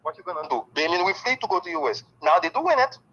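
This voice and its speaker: Here a Haitian man speaks natively at a quick pace, his voice sitting high over lo-fi sound. He answers the interview questions emphatically and candidly, excited and repeatedly saying "okay."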